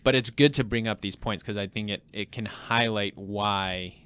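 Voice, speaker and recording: A man with a deep, clean-toned voice talks through ideas in a relaxed panel discussion. He speaks in a measured, thoughtful way, building each point patiently. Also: clean tone. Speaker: podcast panelist. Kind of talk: casual discussion.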